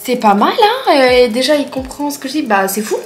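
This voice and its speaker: A woman's voice: high voice, big pitch swings, a little fast. A young woman chatting casually through a vlog, giving self-mocking commentary as she tries things out at home. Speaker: vlogger testing tips. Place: at home, later a bathroom. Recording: roomy room with faint music.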